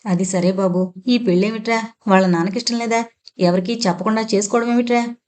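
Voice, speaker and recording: A woman's voice: medium pitch, fairly even intonation, brisk, a little mellow, lightly acted. A tearful village mother scolds and pleads in turn, her reproach heavy with worry, as a woman narrator reads her part. It is an audiobook voice, close and plain. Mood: questioning.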